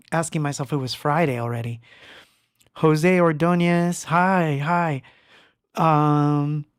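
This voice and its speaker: A middle-aged Argentine man hosts a casual livestream from his home studio, rambling, laughing often and greeting chat viewers by name. His voice is a little high, clear and resonant, captured in a dry, studio-quality recording.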